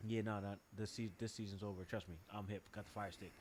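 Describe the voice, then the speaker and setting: A young man with a Boston accent co-hosting a podcast in casual chat, animated and profane, jumping from topic to topic. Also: fairly low pitch, fast. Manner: animated, swearing, jumps from topic to topic. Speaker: podcast co-host.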